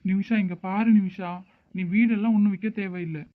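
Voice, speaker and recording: A man's voice: high-pitched, fairly even intonation, a little fast, natural voice. A man playing a caring older brother who soothes and reassures his crying sister, in an amateur short drama. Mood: soothing. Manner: soothing, reassuring, gently coaxing. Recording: dry, tinny phone-like recording.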